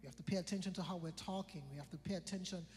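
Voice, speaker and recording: High-voiced preacher in a hall. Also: male voice, racing. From British Virgin Islands. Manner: animated preaching with repeated build-ups and asides to the congregation. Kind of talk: sermon. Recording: long reverb in a hall with faint music.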